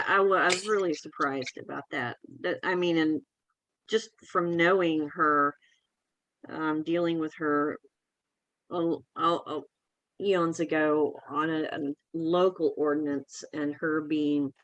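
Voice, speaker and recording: A podcast co-host in casual discussion who speaks haltingly, restarting and repeating words. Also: medium pitch, fairly even intonation, a bit bright, no echo, poor audio.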